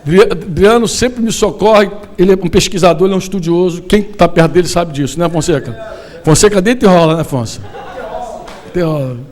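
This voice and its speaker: A Brazilian pastor preaching a sermon to a gathering of church leaders, lively and colloquial, tossing questions to the audience. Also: male voice, high-pitched, brisk. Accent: Brazilian Portuguese. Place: conference hall.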